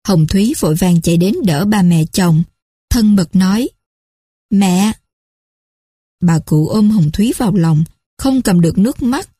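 A woman storyteller narrating a story in a calm, measured way. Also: mid-range voice, husky, no room sound, studio quality.

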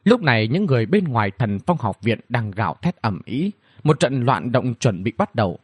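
A man narrating a fantasy story in an expressive, dramatic reading style. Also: medium pitch, breathy edge, no echo, clean studio sound. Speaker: audiobook narrator.

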